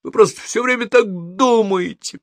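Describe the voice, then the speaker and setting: A man voicing a vain, cowardly young wizard who shouts orders, in a storybook reading. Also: sits high, normal speed, no room sound, pitched above the performer's own voice. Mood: shouting. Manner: shouting, commanding.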